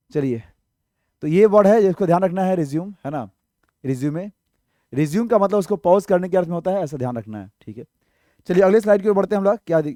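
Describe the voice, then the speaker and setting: A man's voice: sits high, warm tone, dry recording, clean studio sound. A man teaching English vocabulary in an online exam-prep lesson, explaining patiently, asking rhetorical questions and checking in often.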